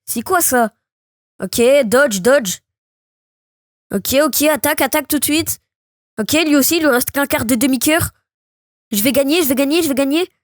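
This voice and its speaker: A woman giving chatty, excitable commentary while playing a video game, full of slang. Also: high-pitched, normal speed, long pauses, no room sound, clean studio sound. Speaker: gaming video creator.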